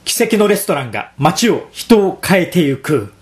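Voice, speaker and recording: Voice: medium pitch, very animated, moderate pace. A program host giving scripted commentary and explanations, laughing now and then between remarks.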